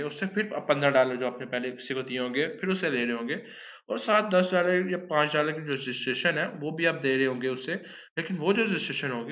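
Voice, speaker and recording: A man's voice: fairly high pitch, a bit bright. A man giving a casual explainer talk, conversational and often checking that listeners follow. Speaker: online scams explainer.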